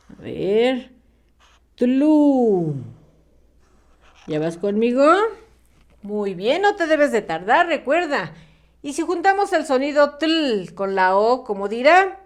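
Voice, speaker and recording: A woman leads a reading class for young children, sounding out syllables and praising each answer. Her voice sits a little high, moves slowly and rises and falls a lot. She repeats each sound with patient encouragement. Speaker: primary school teacher. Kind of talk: children's phonics lesson.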